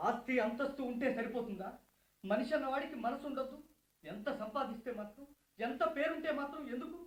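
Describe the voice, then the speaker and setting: A man acting out a shattered working man in a radio play, pouring out bitter accusations. His voice sits unusually high for a man and stays impassioned throughout. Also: brisk, reverberant, faint music behind. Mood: bitter, accusing. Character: grieving poor man, angry and vengeful.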